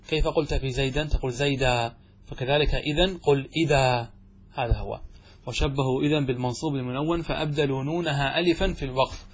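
A man teaching a grammar lesson in class, who asks the students questions and answers them himself and draws out his examples slowly. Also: medium pitch, husky. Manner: says examples slowly and drawn out.

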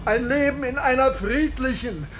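An actor playing a proud, bitter, tyrannical submarine captain in a German radio drama, imperious and declamatory. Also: male voice, extremely high pitch, normal speed, a bit bright, a little hiss or hum. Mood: cold, proud.

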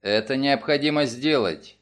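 A man voicing a calm, terse middle-aged lawyer, asking short clipped questions in a lower, level voice for an audiobook. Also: moderate pace, close to an everyday voice. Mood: curt.

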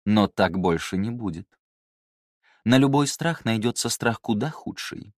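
A man's voice: on the low side, animated, unhurried, no echo, studio quality, pitched above the performer's own voice. A man reading the lines of a haughty, scheming woman and mother, speaking in a cold, clipped way with barely held rage. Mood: curt.

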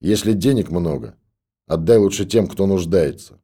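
Male narrator as a gruff, scolding stoker with a low, dark voice. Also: normal speed. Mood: grumbling. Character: gruff old stoker in a monastery.

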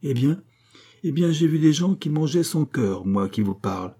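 A man voicing a cocky young country lad in a storybook reading, boasting loud and high-pitched with a husky, dark grain. He punches out each claim with fierce pride. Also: animated, normal speed. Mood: boastful. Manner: boastful, emphatic declaiming. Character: proud young peasant man, boastful and fiery.

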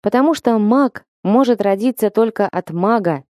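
A woman voicing a menacing, muscular blue-eyed man who speaks gruffly and scornfully. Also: mid-range voice, normal speed, darkish tone, no echo, clean studio sound, lightly acted. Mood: cold.

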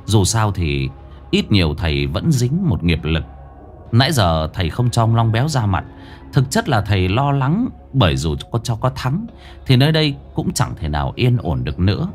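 A man telling a ghost story as dramatic, expressive scripted narration. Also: on the low side, normal speed, faint music behind.

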